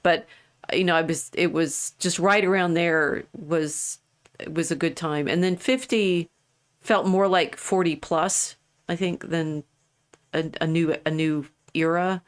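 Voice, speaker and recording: A woman's voice: lowish voice, fairly even intonation, a little slow, clean tone. Sixty-year-old woman chatting casually. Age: 60s. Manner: rambling, many restarts. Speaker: co-host of a livestream. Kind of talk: casual chat.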